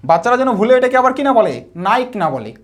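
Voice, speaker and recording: A woman's voice: a little high, very animated, very fast. A woman teacher giving a phonics lesson, patiently spelling out letters and asking her pupils questions.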